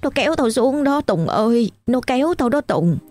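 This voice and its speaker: A woman's voice: fairly high pitch, expressive, normal speed, a little mellow, faint music behind, pitched above the performer's own voice, close to an everyday voice. A woman voicing a drowned boy's ghost who cries and pleads that he is cold. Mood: pleading.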